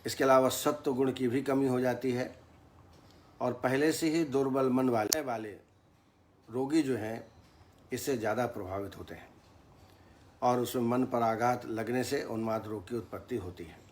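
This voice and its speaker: A man delivers a formal Ayurveda lecture at a mid pitch. His delivery is measured and teacherly. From time to time he recites Sanskrit verses in a chanted cadence.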